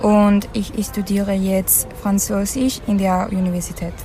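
A woman, a university student speaking slowly and hesitantly in a classroom dialogue. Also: mid-range voice, flat delivery, mellow. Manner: slow, hesitant.

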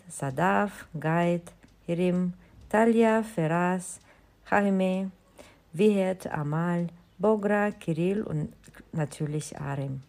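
A woman teacher hosts a university podcast and addresses her students in a slow, heartfelt way. Her voice is mellow and dark, and her melody rises and falls a lot. She sounds affectionate and takes her time. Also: low-pitched, vocal fry. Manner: unhurried and affectionate, with a lively melody.

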